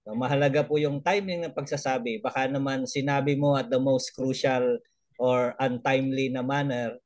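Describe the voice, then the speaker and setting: A man's voice: mid-range voice, fairly even intonation, normal speed, dry recording. Guy on a video call, dry sound, chuckles a lot, restarts his words. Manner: mixes English into his talk, chuckles often, restarts phrases. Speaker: elder trainee sharing a report. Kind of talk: casual talk in a video call.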